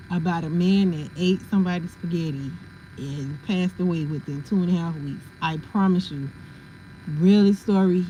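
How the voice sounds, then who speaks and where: A woman's voice: fairly low pitch, warm tone, slight background noise, low-quality recording. A woman hosting a casual livestream, chatting and laughing as she answers viewers' comments. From family from South Carolina. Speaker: livestream host.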